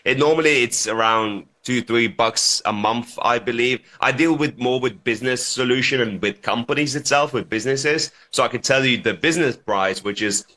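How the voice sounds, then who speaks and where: A man, born in Lithuania and raised in the UK, speaking haltingly as a guest on a radio talk show. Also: medium pitch, bright, forceful tone. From United Kingdom. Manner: halting, restarts often, laughs easily.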